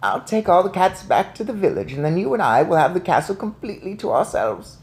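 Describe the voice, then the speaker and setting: Woman acting a fierce, excitable old grandmother. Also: on the low side, a little fast, pitched above the performer's own voice. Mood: triumphant, scheming. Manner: emphatic, theatrical, snappy. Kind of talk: storybook read-aloud.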